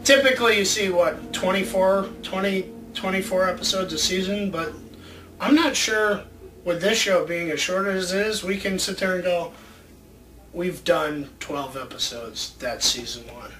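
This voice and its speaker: A man hosts a casual chat show about movies, rambling along enthusiastically. His voice is high-pitched and fairly bright, and he speaks unhurriedly. The mic is distant, with faint background noise.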